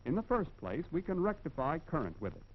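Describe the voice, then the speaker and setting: An American man reads scripted narration for a 1940s industrial film, sounding formal, instructive and emphatic. His fairly high voice moves briskly with big pitch swings, and the soundtrack is dull and band-limited like a vintage film.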